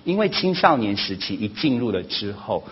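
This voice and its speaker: A man giving a sermon-style parenting lesson at church, animated, often acting out family quarrels in a raised voice. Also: fairly low pitch, normal speed, breathy edge. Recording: slightly dull lo-fi recording with faint noise.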